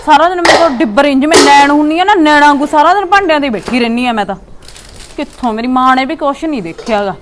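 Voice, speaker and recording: An actress playing a resentful, sharp-tongued young wife who nags and mutters bitterly, with a Malwa Punjabi accent, in a Punjabi short drama. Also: female voice, high-pitched, fast talker, faint music behind, close to an everyday voice. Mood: muttering. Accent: Punjabi, Malwa region. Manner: nagging, bitter complaints, scornful asides muttered to herself.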